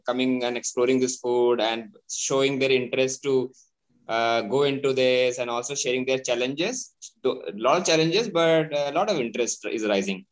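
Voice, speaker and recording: A man with an Indian English accent, a cafe founder talking earnestly in an interview, pausing often with "uh". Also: mid-range voice, low-quality recording. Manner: earnest, many hesitations. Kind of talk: video call interview.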